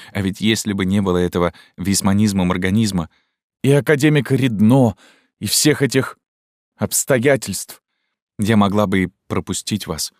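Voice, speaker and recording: A man reading an audiobook voices a young woman, an earnest student in love, in a soft, pleading, raised voice. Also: low-pitched, no echo, pitched above the performer's own voice, natural voice. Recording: dry close studio sound.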